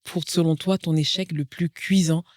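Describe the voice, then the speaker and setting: A woman in her forties hosts a podcast interview, first reading a lyrical, poetic introduction and then chatting warmly with her guest. Her voice is deep and steady at a moderate pace, recorded in studio quality with no room sound.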